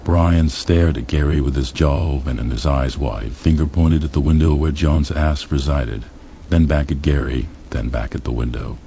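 A man reading a crude comedy story aloud in a deadpan, matter-of-fact way. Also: a bass voice, normal speed, creaky, slight background noise. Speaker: audiobook narrator.

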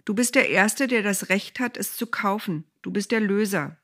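A woman voicing a middle-aged male landowner who is calm and shrewd, calling out loudly to gathered men. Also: mid-range voice, normal speed, husky, voice pushed up.

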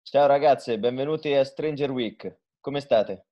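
A man's voice: mid-range voice, a little slow, lo-fi sound. A young man hosting a casual podcast, greeting listeners and talking with his guests. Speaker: podcast host.

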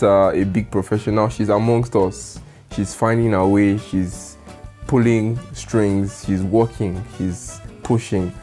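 A man hosting a casual podcast, relaxed and teasing, often repeating his words. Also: lowish voice. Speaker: podcast host.

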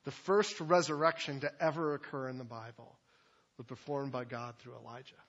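A man's voice: medium pitch, steady tone, moderate pace, fairly bright tone, dull audio. A man preaching a sermon as pastor, talking in a conversational way with loose asides and fillers. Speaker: pastor teaching a sermon series.

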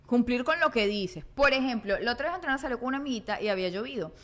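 A woman's voice: on the high side, rapid-fire. A woman, co-hosting a casual chat and acting out family scenes as she tells them. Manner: animated storyteller acting out family dialogue. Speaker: podcast co-host.

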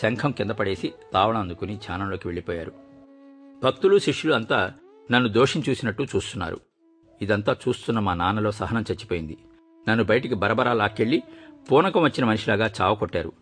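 A man reading a short story aloud as narrator, telling it in a measured, expressive way. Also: lowish voice, breathy edge.

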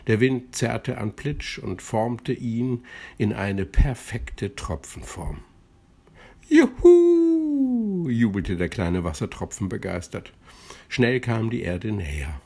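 Slow, gravelly bedtime storyteller man. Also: on the low side. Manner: calm, gentle, measured.

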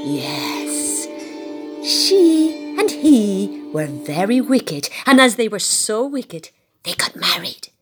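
Theatrical woman horror storyteller, wildly swooping pitch. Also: big pitch swings, husky, soft background music. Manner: hammy, spooky, drawn-out words with dramatic hushes and repetition. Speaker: children's radio podcast storyteller. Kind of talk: theatrical vintage horror narrator storytelling for children.

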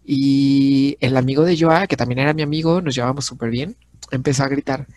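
A man in his twenties with a Mexican Spanish accent co-hosts a casual podcast, telling a story in a brisk, medium-pitched voice. He's a lively storyteller who laughs often.

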